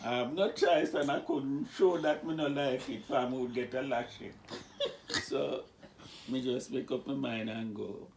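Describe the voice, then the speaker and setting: Gravelly old Jamaican-accented man. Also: mid-range voice, slight background noise. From born in Cuba, raised in Jamaica. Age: 90s. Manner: halting, searches for words. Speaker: grandfather telling his life story. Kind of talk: casual interview.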